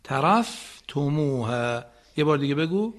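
A man teaching Quran recitation on a radio lesson. He corrects students patiently and models phrases slowly, sometimes chanting them. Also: fairly high pitch, animated.

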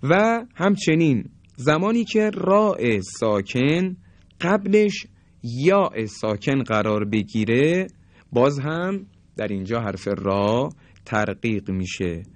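A man's voice: medium pitch, big pitch swings, dry recording. Man teaching Quran recitation rules. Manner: slow drawn-out demonstration of words. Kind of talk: tajweed lesson, explaining and demonstrating.

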